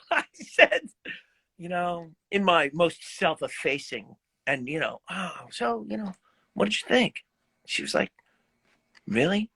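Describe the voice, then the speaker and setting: A man's voice: a little high, gravelly, husky, no echo. A middle-aged man, a guest musician, telling stories in a casual live video chat and laughing often. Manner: animated, laughing storyteller.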